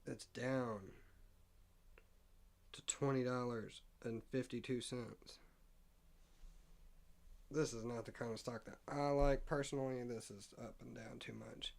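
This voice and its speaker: A man's voice: medium pitch, fairly even intonation, a little slow, creaky, long pauses, a little mellow. A man hosting a casual stock market live stream, thinking aloud as he reads prices and figures off the screen. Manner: reads text aloud with stumbles and asides. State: hiccuping.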